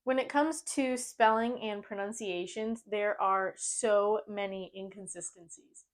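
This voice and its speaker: Young woman, New England accent, English teacher, careful deliberate delivery, pronunciation lesson. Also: mid-range voice, fairly even intonation. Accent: New England American. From Maine, United States. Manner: clear, careful, repeats words slowly.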